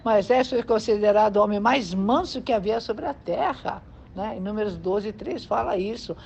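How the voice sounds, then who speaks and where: Gravelly and somewhat dark, this mid-range female voice moves at a normal speed through a sermon, with the Brazilian speaker regularly asking her audience if they're with her. She has a Brazilian Portuguese accent; the recording is dull and lo-fi, faint noise behind it.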